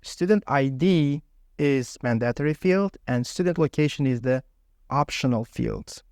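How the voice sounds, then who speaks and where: A man's voice: medium pitch, a little slow, darkish tone, dry recording, clean studio sound. A man acting as interviewer in a mock technical interview, putting questions and follow-ups to a candidate.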